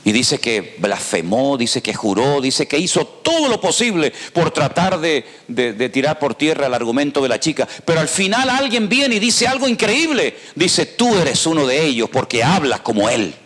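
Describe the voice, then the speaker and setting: A male pastor with a Spain Spanish accent, preaching a sermon as animated storytelling with rhetorical questions. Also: fairly high pitch, moderate pace, few pauses.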